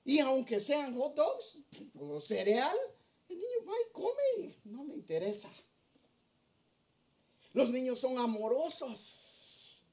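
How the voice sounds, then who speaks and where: A man's voice: extremely high pitch, huge pitch swings, slow pace, long pauses. A middle-aged male pastor preaching a sermon, earnest and storytelling as he addresses his congregation.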